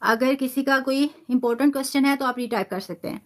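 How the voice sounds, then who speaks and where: A woman teaching a live online Quran tajweed class, patiently repeating terms and slowly drawing out the sounds of examples, with English words mixed into her explanation. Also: high-pitched. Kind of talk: live-streamed online lesson.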